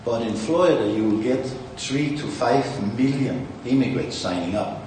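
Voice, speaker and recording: Speaking with lively intonation at a moderate pace, a medium-pitched Danish-accented founder rambles and brags before a conference audience. A distant mic in the large, echoey hall records faint ambience over a noisy background.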